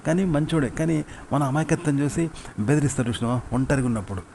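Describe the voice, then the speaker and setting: A man's voice: medium pitch, fast talker, gravelly, darkish tone, slight background noise. Man teaching with a Telangana accent. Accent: Telangana Telugu. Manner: repetitive, asks rhetorical questions to the listener. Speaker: writing teacher. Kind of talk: informal spoken lesson.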